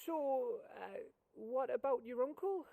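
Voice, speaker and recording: A man's voice: very high voice, a little slow, vocal fry, warm tone, no room sound, full character voice, low-quality recording. A male actor playing a hero's anxious, blunt and loyal friend in a fantasy video game, hesitant in delivery. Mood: worried.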